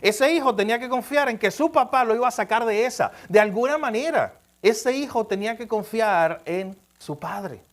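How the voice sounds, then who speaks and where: A man preaching a sermon in a noticeably high voice. He tells his story with emphasis and laughs at himself along the way. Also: animated, moderate pace, few pauses.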